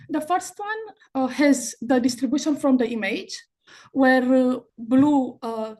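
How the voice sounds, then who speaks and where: A woman's voice: sits high, darkish tone, poor audio. Hesitant young woman presenting over a video call. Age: young adult. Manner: hesitant, many uh fillers and restarts. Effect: remote speaker on a video call. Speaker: master's student presenting a thesis. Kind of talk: conference presentation.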